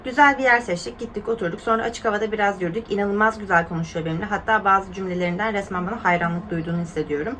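A woman in her twenties from Turkey, chatting casually as a vlogger while reading viewer stories aloud, with lively exclaiming reactions and asides to her viewers. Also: mid-range voice, very fast, hardly any pauses, slight background noise. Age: 20s.

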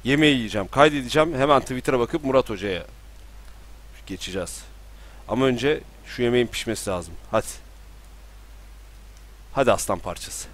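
Young guy streaming a game from his room, mid pitched voice, mutters to himself then yells when scared. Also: brisk, long pauses. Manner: talks to himself, bursts into panicked yelling. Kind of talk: live gameplay commentary. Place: room at home with balcony door open.

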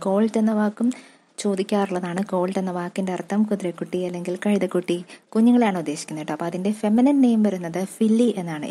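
A woman with a Malayali accent teaching an English vocabulary lesson, slowly spelling out words letter by letter and repeating them. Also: medium pitch, warm tone. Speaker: exam-prep English tutor. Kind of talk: classroom-style lesson.

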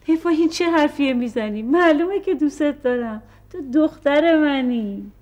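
A woman's voice: sits high, expressive, a little mellow. An actress playing a doting middle-aged mother in a televised stage drama, soothing and fussy by turns. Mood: tender. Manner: soothing then exasperated.

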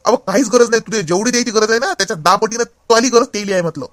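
A man's voice: high-pitched, very fast, a bit bright, dry recording. A man playing a preachy young nephew. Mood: lecturing. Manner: lecturing, insistent. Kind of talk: comedy skit acting.

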